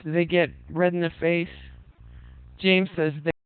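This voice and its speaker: A man's voice: fairly high pitch, measured pace, clean tone, no echo. A man leading a parenting class, chatting casually with frequent ums, reading out the group's answers and asking them questions. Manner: reads out participants' answers and asks the group questions; relaxed, conversational, frequent ums. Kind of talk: online class lecture. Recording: tinny phone-like line, dry.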